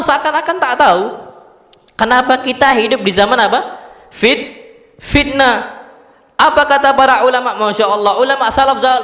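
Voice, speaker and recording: A man with an Indonesian accent giving a casual religious lecture, telling animated stories and mixing in Arabic terms. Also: very high-pitched. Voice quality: animated storytelling, mixes Arabic terms, laughs often. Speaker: Islamic preacher. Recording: echoey hall.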